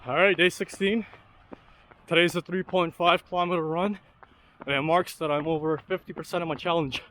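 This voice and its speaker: A fairly high-voiced man talks into a handheld action camera while out on a cold street run. He is out of breath but upbeat and chatty, and faint traffic and outdoor noise sit behind him. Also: fairly even intonation, brisk, bright, forceful tone, low-quality recording. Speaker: vlogger. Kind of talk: outdoor running vlog.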